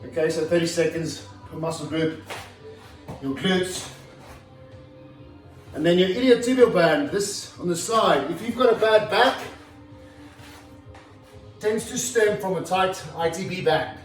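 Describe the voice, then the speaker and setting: Unhurried and pausing often, a high-pitched fitness coach walks through home leg exercises while performing them, sometimes winded. He's far from the mic in an echoey room, with soft music in the background.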